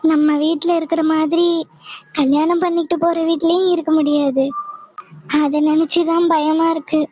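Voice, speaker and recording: A woman's voice: high-pitched, level tone, normal speed, mellow, a little hiss or hum, close to an everyday voice. A woman voicing a young bride-to-be in a cartoon, pleading and defiant about her arranged marriage. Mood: worried. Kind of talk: cartoon voice acting.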